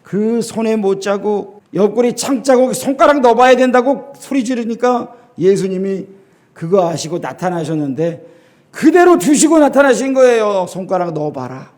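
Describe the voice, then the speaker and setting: A middle-aged man preaching a sermon as a pastor in a church, emphatic, with rhetorical questions to the congregation and sudden drops to a quiet voice. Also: expressive, moderate pace. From South Korea. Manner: swings between loud emphasis and low, quiet lines.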